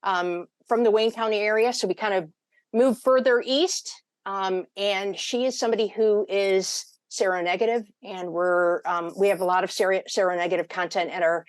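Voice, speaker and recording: A woman's voice: mid-range voice, fairly even intonation, moderate pace, no room sound. A woman hosting an informal online panel, speaking in a chatty, rambling way as she moderates. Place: online video meeting.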